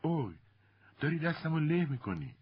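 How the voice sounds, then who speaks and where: A man voicing a chatty, excited little girl in a storybook reading, in a raised, squealy voice. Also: fairly high pitch, slightly rough, highs cut off, voice pushed up.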